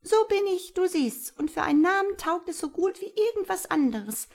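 High, chirping and brisk, this is a tiny ancient bearded sprite that a woman acts out in a storybook. The voice swoops widely and answers quick as a flash, with a bossy edge. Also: lively intonation. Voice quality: soft high piping voice. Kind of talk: storybook reading.

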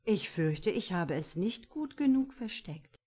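A woman voicing a gentle, teasing man courting a young woman, speaking low and murmuring in an audiobook. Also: sing-song, measured pace, husky. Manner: soft, low, murmuring delivery. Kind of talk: audiobook character reading.

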